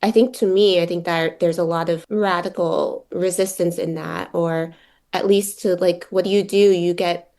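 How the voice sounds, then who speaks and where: A woman's voice: lowish voice, fairly even intonation, moderate pace, warm tone. A woman poet and teacher answering interview questions in an informal, reflective way, thinking aloud as she goes.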